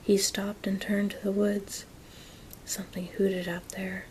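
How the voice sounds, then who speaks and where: A woman whispering a story in a soft, gentle ASMR reading, taking her time. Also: mid-range voice, little pitch movement, unhurried, a little hiss or hum, low-quality recording. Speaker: reader of an audiobook-style story.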